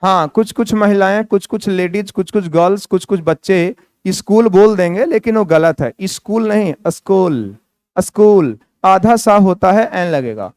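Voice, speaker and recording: A man's voice: high-pitched, normal speed, few pauses, a little mellow, smooth, dry recording, clean studio sound. A man teaching English grammar in Hindi. He asks the viewers questions, answers them himself and repeats key words. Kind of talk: Hindi-language grammar lesson.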